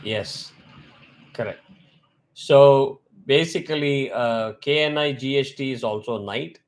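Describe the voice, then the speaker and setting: A man's voice: medium pitch, slow. A man teaching a weekly Vedic class over a video call. He explains step by step and asks his students questions.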